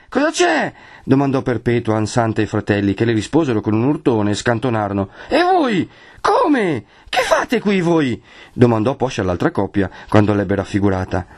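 A man from Italy reading a classic novel aloud as an expressive audiobook narrator. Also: lowish voice. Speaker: audiobook reader.

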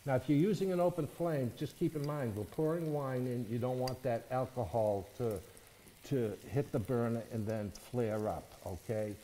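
A man's voice: medium pitch, normal speed, warm tone, a little hiss or hum, poor audio. A middle-aged man, a chef, giving a cooking demonstration in a studio kitchen and explaining each step, often checking in with "okay?" and "all right?". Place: studio kitchen set, indoors.

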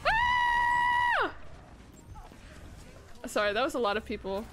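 A woman's voice: fairly high pitch, normal speed, loud music behind the voice. Young woman streamer gaming and chatting, voice jumps all over, gets hyped and swears a lot. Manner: excitable, swears, laughs and gasps often. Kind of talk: casual gaming chat.

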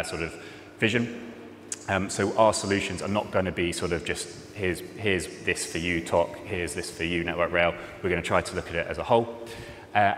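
A man in his thirties giving an informal, somewhat halting presentation on a stage. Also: low-pitched, fairly bright tone. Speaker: start-up presenter. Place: large theatre stage, indoors. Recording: echoey noisy hall.

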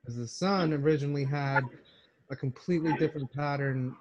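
A man hosting a casual chat over a muffled speakerphone, his voice dull and distant with only the low end coming through. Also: fairly quick, noisy background. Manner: rambling, lots of "like" and "um". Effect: muffled speakerphone, only low tones come through. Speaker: host.

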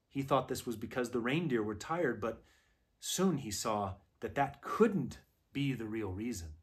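Man reading a children's story aloud. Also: mid-range voice. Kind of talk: unhurried read-aloud narration.

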